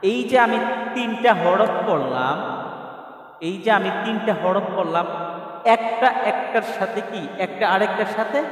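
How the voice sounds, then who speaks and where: A man teaching Quran reading, chanting letter sounds slowly and asking his students questions as he explains. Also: high-pitched. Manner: slow and drawn out, chants letters and asks rhetorical questions. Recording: very echoey room, from far off the mic.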